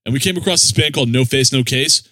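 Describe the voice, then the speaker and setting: A man's voice: medium pitch, quick pace, bright, forceful tone, no room sound. A man chatting casually as a music podcast host in slangy, swearing bro talk. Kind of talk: casual chat.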